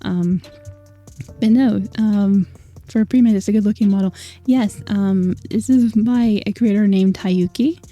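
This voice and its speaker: A woman's voice: mid-range voice, measured pace, dark tone, soft background music. A woman from Scotland, a streamer chatting casually with viewers, chatty and apologetic with many fillers. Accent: mostly American-sounding, Scottish origin. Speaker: vtuber streamer. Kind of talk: casual livestream chat.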